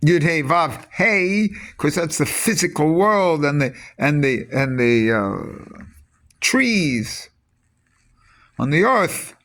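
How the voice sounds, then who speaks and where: A man giving a rambling spoken teaching on mysticism, halting often with restarts and repeated words. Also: on the high side, animated, fairly bright tone.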